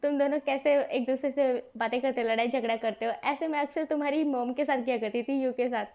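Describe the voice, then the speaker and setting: A woman's voice: high-pitched, fairly even intonation, quick pace, highs cut off. A woman voicing a cheerful, affectionate middle-aged mother who speaks fondly and reassuringly in a storybook reading. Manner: fond, reassuring.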